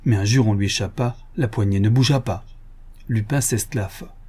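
A man narrating an audiobook in a steady, measured storytelling manner. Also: on the low side, slightly rough. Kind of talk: scripted narration.

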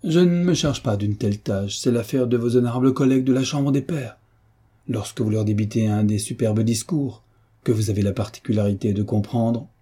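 A sly hunchbacked nobleman, as a man reads him needles his rival with ironic courtesy. The voice is very dark and husky, in a storybook reading. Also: mid-range voice, fairly quick, close to an everyday voice. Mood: mocking. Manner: ironic, teasing, falsely courteous. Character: mocking, jovial hunchbacked nobleman, older man.

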